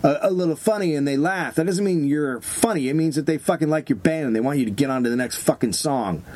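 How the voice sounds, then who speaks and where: A man co-hosting a comedy podcast, ranting profanely with dark deadpan jokes. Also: fairly high pitch, fast. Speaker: podcast co-host. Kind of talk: casual comedy podcast banter.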